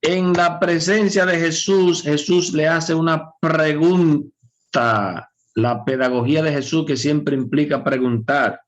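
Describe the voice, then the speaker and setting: A man's voice: fairly high pitch, slow pace, muffled recording. A man giving a catechism talk who repeats key words and asks his listeners questions. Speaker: catechism teacher.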